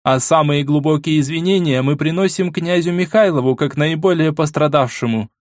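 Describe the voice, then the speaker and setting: A man's voice: fairly high pitch, normal speed, no echo, studio quality, pitched above the performer's own voice, lightly acted. A man voicing a cold, iron-willed middle-aged queen who speaks sternly and with command. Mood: formal address.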